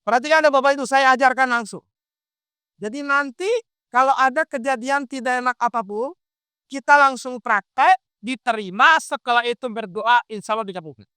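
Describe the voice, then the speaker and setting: A preacher in full flow, teaching a live audience with a steady stream of questions. His voice is bright and crisp, and the recording is dry and close. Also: extremely high pitch, brisk, no room sound. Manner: animated, quizzes the audience with questions. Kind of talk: lively interactive sermon.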